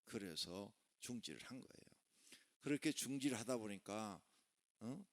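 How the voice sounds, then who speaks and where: At a Friday worship service, a male pastor preaches in a lowish, animated, unhurried voice. He's emphatic yet conversational, mixing casual asides with proclamation and often throwing rhetorical questions at the congregation.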